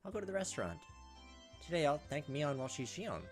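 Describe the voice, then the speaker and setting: This gaming host's voice runs high, with big pitch swings and a brisk pace. Reading a visual novel aloud in a casual let's play, he adds offhand jokes and reactions over the game's background music.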